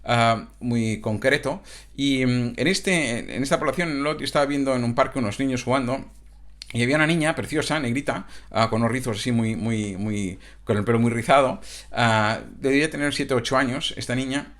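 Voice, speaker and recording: A man's voice: mid-range voice, brisk, fairly bright tone. A man from Catalonia, a coach talking in a casual, reflective monologue that stumbles over restarts and tag questions. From Catalonia, Spain.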